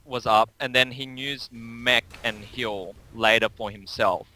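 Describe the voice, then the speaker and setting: A man giving analysis as co-commentator on a video game match, thinking out loud with pauses and fillers. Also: medium pitch, steady tone, poor audio. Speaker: esports co-caster. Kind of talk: color commentary.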